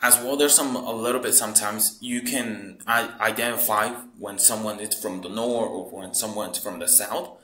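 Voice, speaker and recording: A Mexican man, a local tour guide whose first language is Spanish, answering interview questions in halting English full of "like". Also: on the low side, steady tone, sharp tone, echoey room, low-quality recording. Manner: halting non-native English, frequent "like".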